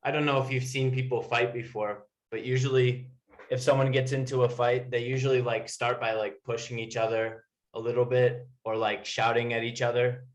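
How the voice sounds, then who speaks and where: A man's voice: medium pitch, level tone, moderate pace. A man tutoring English one to one, explaining informally with everyday examples. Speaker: English teacher.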